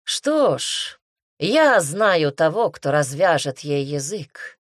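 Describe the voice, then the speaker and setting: Female narrator playing a gruff young man, commanding and curt, audiobook, dry close sound. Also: sits low, animated, slow pace, dry recording, full character voice. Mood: grimly resolute. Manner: curt, barking orders. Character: stern young male revolutionary, gruff and commanding.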